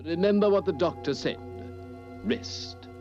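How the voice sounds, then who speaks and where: A man's voice: sits high, unhurried, a little mellow. An actor playing an effusive, courteous doctor who coaxes his guests in a television puppet drama. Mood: solicitous. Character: effusive, solicitous male doctor welcoming weary guests. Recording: dull lo-fi soundtrack with music.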